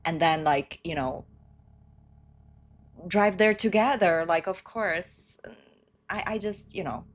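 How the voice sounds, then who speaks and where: A woman's voice: on the low side, takes it slowly. A woman co-hosting a live stream, chatting casually with slang. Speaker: stream co-host.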